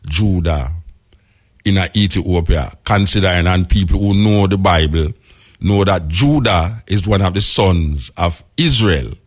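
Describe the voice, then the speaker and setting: Low-pitched Jamaican man in Rasta speech. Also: unhurried. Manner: emphatic, repeats key phrases for clarity. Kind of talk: explanatory talk in Rasta speech.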